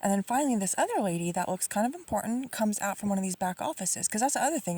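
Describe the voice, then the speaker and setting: Husky-voiced woman venting in a rambling story. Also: mid-range voice, dark tone, dry recording, far from the mic. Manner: aggrieved, rambling retelling with many fillers, drops to near-whispers. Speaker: vlogger. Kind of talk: casual complaint story to camera.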